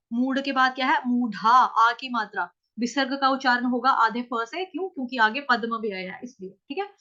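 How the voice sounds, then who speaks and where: A woman teaching Sanskrit pronunciation, drawing words out syllable by syllable and then explaining quickly. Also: sits high, pushed and bright, dull audio. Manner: slow, drawn-out syllable-by-syllable recitation alternating with quick explanations. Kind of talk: step-by-step pronunciation lesson.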